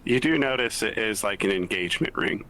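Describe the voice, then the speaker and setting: A man's voice: fairly low pitch, lively intonation, brisk, bright, forceful tone. A man playing a tabletop game, talking casually and partly in character.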